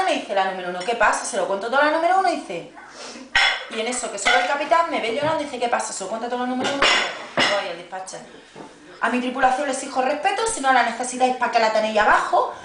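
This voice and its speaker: A woman's voice: a little high, background noise. Woman, flight attendant, indignant storytelling, distant home video, plates and cutlery clinking. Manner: indignant, swearing, acts out quoted dialogue. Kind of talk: casual chat, telling a story. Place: home, indoors. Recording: echoey room, far from camera, clattering dishes.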